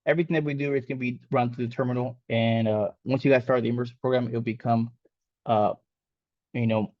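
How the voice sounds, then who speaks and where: A native Spanish speaker from Mexico runs a live coding lesson in a steady, mid-range voice at a fairly quick pace. His casual, rambling talk is full of fillers and restarts. The recording is dull and lo-fi, without room sound.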